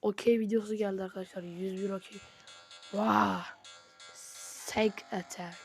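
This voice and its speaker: A woman giving casual let's-play commentary, excitable, talking straight to her viewers and slipping into whispered asides. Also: medium pitch, measured pace, creaky, soft background music. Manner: excitable, often addresses viewers as "friends", drops into whispered asides. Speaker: gaming channel host.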